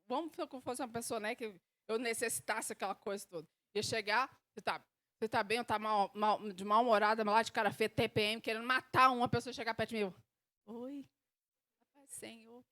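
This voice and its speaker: A woman pastor preaching a sermon. She preaches in an animated way, acting out prayers and shifting between loud and hushed passages. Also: a little high, a little fast. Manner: animated, acts out prayers and inner voices, swings from loud to hushed.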